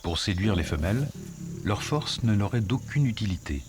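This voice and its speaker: A man reading scripted nature documentary narration in a measured, explanatory storytelling manner. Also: lowish voice, big pitch swings, background noise. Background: music under the voice.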